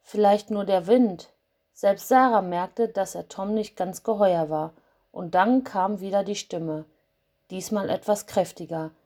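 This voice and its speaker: A woman reading a children's Christmas story aloud in a calm, gentle way. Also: medium pitch, measured pace. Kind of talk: storybook narration.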